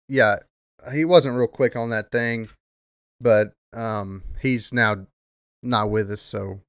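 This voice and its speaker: A man's voice: medium pitch, fairly bright tone, smooth, no echo, studio quality. A young man hosting a podcast, talking casually in a rambling, profane way with lots of "um" fillers. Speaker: podcast host. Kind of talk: casual monologue.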